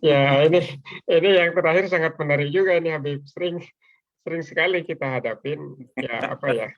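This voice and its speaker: A male moderator in a religious discussion, agreeable and quick to laugh along. His voice is gravelly. The call audio is dull and dry, with no room sound. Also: on the high side, no room sound.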